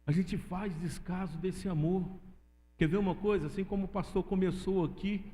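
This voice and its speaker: A man's voice: high-pitched, steady tone, normal speed, dark tone. A man from Brazil giving a preaching testimony in church, often calling listeners "dear". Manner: addresses listeners as "querido". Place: church sanctuary. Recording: long church-hall reverb.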